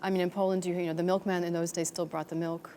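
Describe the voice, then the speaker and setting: Raised in Texas, this middle-aged American woman is a chamber of commerce director appearing as a guest on an interview show. She talks fast and reflectively in a fairly low, dark, level voice, with lots of fillers and restarts, over slight background noise.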